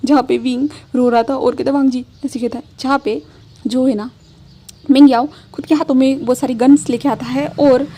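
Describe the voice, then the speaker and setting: High-voiced woman narrating a story. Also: fairly even intonation, dark tone, husky. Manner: repetitive filler phrases, quick retelling. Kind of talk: narrating a fan fiction story.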